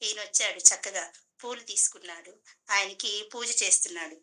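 A woman teacher telling a devotional story as a lesson, lively and explaining with everyday examples. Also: medium pitch, moderate pace, low-quality recording.

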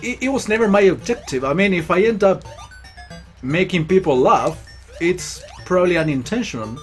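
A man's voice: high-pitched, animated, normal speed, faint music behind. A Chilean man whose first language is Spanish, speaking English with a Chilean accent, hosting a gaming stream and talking in a reflective, rambling way with frequent restarts. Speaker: gaming channel host. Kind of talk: casual live-stream commentary while playing.

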